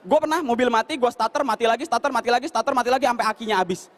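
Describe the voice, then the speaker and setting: A young man doing stand-up. His voice sits very high for a man and the words tumble out quickly. He tells his stories in an animated way, often breaking into shouted, mimicked voices. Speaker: stand-up comedian. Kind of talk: stand-up comedy routine.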